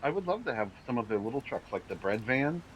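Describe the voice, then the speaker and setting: A man's voice: mid-range voice, very animated, fast, a little hiss or hum. A man chatting casually on a gaming stream in a rambling, laid-back way, with lots of "like". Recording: dull lo-fi stream audio.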